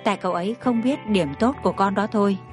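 A woman voicing a gentle, long-suffering middle-aged stepmother in a storybook reading, soft and soothing. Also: medium pitch, fast, faint music behind, lightly acted.

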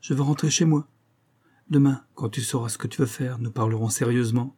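A man's voice: mid-range voice, fairly even intonation, fast, dark tone, close to an everyday voice. A man reading an audiobook, voicing a meek, doting old female servant who pleads in a raised voice. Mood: firm.

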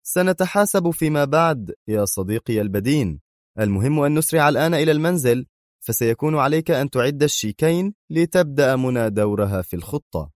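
A man voicing a confident, playful male hero who speaks in an amused, brisk way. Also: medium pitch, expressive, no echo, studio quality, pitched above the performer's own voice, natural voice.

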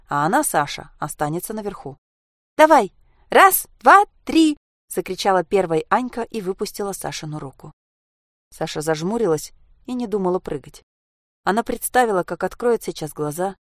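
Low-voiced woman reading a story. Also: no room sound, studio quality. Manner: even, storytelling narration. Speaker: narrator.

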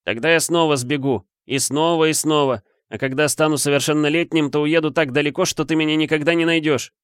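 Man doing a cold snappy kid voice, pitched up, no room sound. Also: steady tone, brisk, clean tone, dry recording, studio quality, natural voice. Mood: accusing. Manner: harsh, accusing. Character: bitter, cold eleven-year-old boy.

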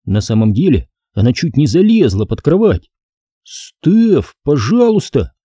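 A man's voice: mid-range voice, big pitch swings, moderate pace, dark tone, slightly rough, no room sound, clean studio sound. A man reading a children's spooky story aloud in the first person, telling it expressively. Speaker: audiobook narrator.

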